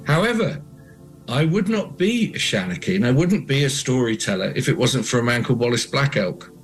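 A British man in his forties, an oral storyteller talking reflectively and eloquently in an interview, in unhurried poetic phrases. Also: lowish voice, poor audio. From Britain. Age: 40s.

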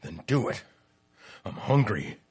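An actor playing a large, menacing male fugitive who barks curt, threatening commands in a rough voice. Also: fairly low pitch, big pitch swings, slow pace, a little mellow, exaggerated voice. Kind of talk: radio drama acting.

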